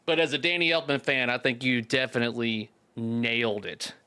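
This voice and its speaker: A man's voice: mid-range voice, fairly even intonation, moderate pace, pushed and bright, clear, resonant tone, no room sound. A man hosting a casual live chat stream, talking in a chatty, informal way. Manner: chatty, informal with occasional swearing.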